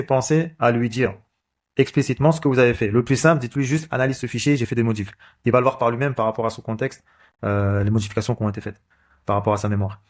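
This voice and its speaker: The host of a coding channel muses his way through code in a casual screen-recorded walkthrough, peppering his speech with fillers and false starts. He has a medium-pitched, darkish voice.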